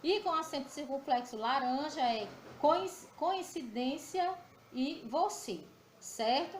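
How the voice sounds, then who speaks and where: A woman's voice: high-pitched, expressive, slow pace. A Brazilian woman teaching a recorded grammar lesson to primary school children. She explains patiently and often checks in with the class. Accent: Brazilian Portuguese. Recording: echoey room with faint background noise.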